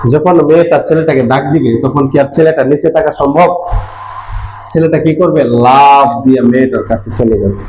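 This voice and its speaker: A man's voice: mid-range voice, warm tone. A man teaching a Korean class who uses a little story to explain a rule and asks his students questions that he answers himself. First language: Bengali. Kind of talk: explanatory lesson. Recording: echoey room, faint background noise.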